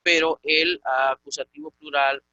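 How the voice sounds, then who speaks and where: A man teaching a Greek grammar lecture, patiently repeating and slowly spelling out word forms. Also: fairly high pitch, fairly even intonation, pushed and bright, muffled recording.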